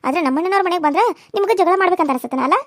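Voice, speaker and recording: Woman voicing a shrill young cartoon daughter-in-law. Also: dry recording, studio quality. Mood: protesting. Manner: argumentative, pleading, quick protesting. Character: young village wife, defiant and scheming daughter-in-law. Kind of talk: cartoon serial voice acting.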